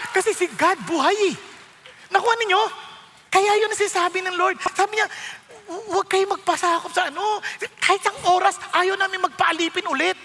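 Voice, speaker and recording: A Filipino man preaching a sermon, animated and playful, acting out the voices of people he quotes and mixing in English phrases. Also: very high voice, big-room sound. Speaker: pastor.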